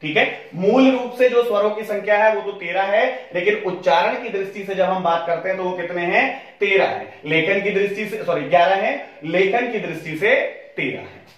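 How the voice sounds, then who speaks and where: A man teaching a class, asking questions and answering them himself, repeating key phrases. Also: high voice. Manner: repeats phrases slowly for emphasis. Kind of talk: classroom lesson. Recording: very echoey room, voice from a distance.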